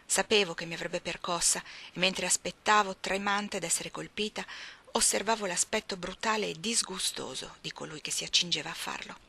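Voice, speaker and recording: Woman reading a classic novel out loud, expressive, goes soft and whispery at times, bright voice. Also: lowish voice, normal speed, vocal fry, slightly rough. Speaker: audiobook reader. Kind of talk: literary audiobook narration.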